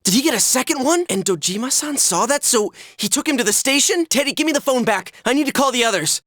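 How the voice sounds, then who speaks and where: Casting: earnest student, fairly high, dry sound, urgent, stammering, game drama. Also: female voice, animated, fast talker, a bit bright, dry recording. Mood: confused, worried. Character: worried, earnest teenage student.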